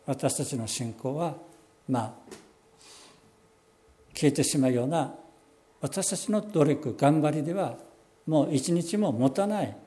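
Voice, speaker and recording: Mellow-voiced man preaching a sermon. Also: fairly high pitch. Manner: measured, explanatory preaching with slowed emphatic phrases. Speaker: pastor.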